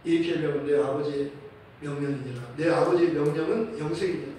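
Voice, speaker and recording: A man preaching a sermon as pastor, telling a story with lively acted-out voices and chuckling now and then. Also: a little high, a little fast, a little hiss or hum. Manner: animated storytelling, acts out quoted voices. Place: church sanctuary. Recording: echoey church hall, mic at a distance.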